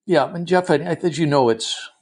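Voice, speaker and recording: A man hosting a casual podcast interview, animated, often restarting sentences and affirming with "yep" and "right". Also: on the high side, normal speed, husky.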